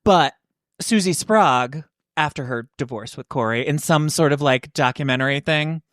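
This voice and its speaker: A woman's voice: low-pitched, normal speed, no room sound, clean studio sound. A woman co-hosting a podcast, chatting casually and gossiping, with lots of "like" fillers. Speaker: podcast co-host. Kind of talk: casual chat.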